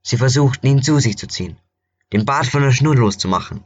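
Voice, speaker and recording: A man's voice: medium pitch, expressive, fairly quick, muffled recording. A man narrating a fairy tale in a plain, conversational storytelling style.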